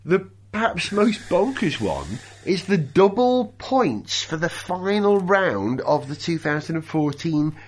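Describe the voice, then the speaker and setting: A man's voice: fairly high pitch, sing-song, takes it slowly, few pauses, breathy edge. A man hosting a light-hearted panel show, mixing scripted links with casual banter. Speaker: host.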